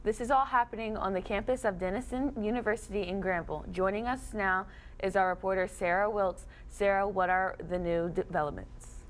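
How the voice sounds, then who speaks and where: A woman's voice: mid-range voice, brisk, a little hiss or hum. A woman reading scripted news and handing over to reporters as a newscast anchor.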